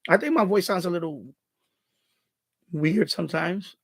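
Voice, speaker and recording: This man's voice is high-pitched and unhurried, with vocal fry and a breathy edge. He grew up in the Bronx after being born in Puerto Rico, and his Bronx New York accent comes through as he hosts a live stream, casually reading viewer comments aloud while rambling and starting his words over.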